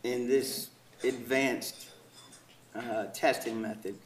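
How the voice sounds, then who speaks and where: A man's voice: mid-range voice, steady tone, slow, a little hiss or hum. A man working as an attorney, putting methodical, formal questions to a witness in courtroom direct examination. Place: indoor courtroom. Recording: echoey courtroom, distant microphone.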